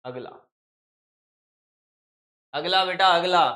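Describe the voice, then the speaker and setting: A man teaching a live online practice class, scolding and coaxing his students in a brisk, familiar way. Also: high-pitched, pushed and bright.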